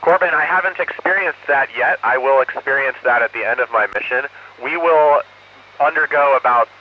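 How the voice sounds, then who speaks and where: A man answering students' questions from an orbiting space station over a crackly radio downlink, earnest and measured, signing off each answer with 'over'. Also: medium pitch. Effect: crackly space-to-ground radio downlink. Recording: dull radio link with faint static hiss.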